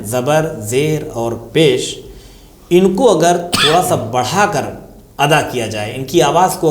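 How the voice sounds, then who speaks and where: Man teaching tajweed in an echoey room. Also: a little high. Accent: Indian Urdu. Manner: patient, repeats key terms, asks and answers own questions. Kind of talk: religious lesson explanation.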